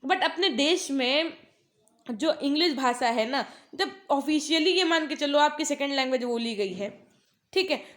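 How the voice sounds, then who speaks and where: Indian woman teacher, high voice, slow careful reading of English notes between quick explanations. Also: lively intonation, a bit bright. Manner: explains in Hindi, reads English lines slowly. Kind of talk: online class lecture.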